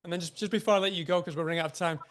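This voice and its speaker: A man interviews a film actor, winding his way through long questions with plenty of "um" and "kind of." His voice sits a little higher than most men's. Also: steady tone, rapid-fire, a bit bright. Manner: rambling, hedging questions full of fillers.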